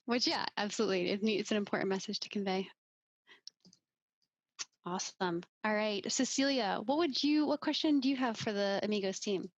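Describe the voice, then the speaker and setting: A woman's voice: mid-range voice, expressive, normal speed, no echo, dull audio. A woman hosting a workshop on a video call, upbeat and chatty as she moves the discussion along. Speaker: session host.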